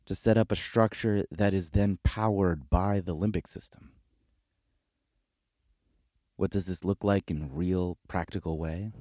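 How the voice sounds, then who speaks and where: A man giving scripted narration for a video essay, explaining in a measured, reflective way. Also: low-pitched, dark tone, no room sound, studio quality.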